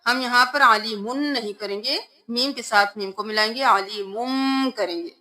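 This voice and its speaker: Woman teaching tajweed, spells words out slow letter by letter, high bright voice. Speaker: Quran recitation teacher. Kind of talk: tajweed lesson.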